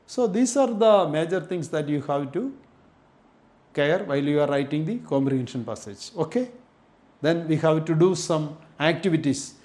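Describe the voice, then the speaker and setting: A man's voice: on the high side, a little mellow. A man with an Indian English accent, giving an exam coaching lecture in an emphatic, repetitive way, listing points one by one. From Kerala, India. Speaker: teacher.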